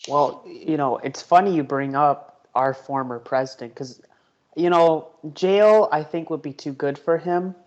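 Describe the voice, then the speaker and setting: Guy on a podcast, kinda high voice, muffled lo-fi audio, short blunt replies. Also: a little slow, a little mellow. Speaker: podcast guest, community co-president. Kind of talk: casual podcast chat. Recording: dull lo-fi sound.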